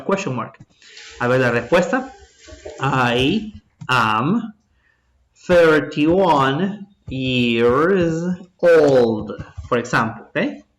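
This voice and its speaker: Patient bilingual teacher, man. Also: on the high side. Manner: patient step-by-step explaining, checks in with "ok?". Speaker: English teacher. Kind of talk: bilingual classroom lesson.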